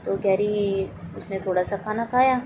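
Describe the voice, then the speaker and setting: A woman's voice: mid-range voice, steady tone, moderate pace, background noise. A woman, a mother, telling a personal story about her daughter in spoken testimony style, voicing both her own lines and her daughter's as she goes.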